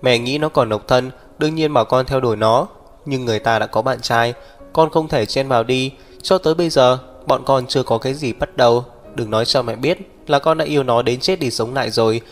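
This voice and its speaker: A man voicing a blunt, teasing middle-aged mother in a brisk, scolding manner. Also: medium pitch, natural voice. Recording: long reverb, faint background music.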